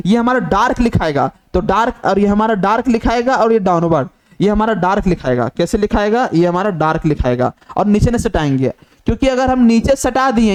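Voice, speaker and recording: A man's voice: sits high, a little mellow. A man teaching a lesson. He keeps asking questions and answering them himself, and he repeats his points. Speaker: shorthand teacher. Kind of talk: classroom lesson explanation.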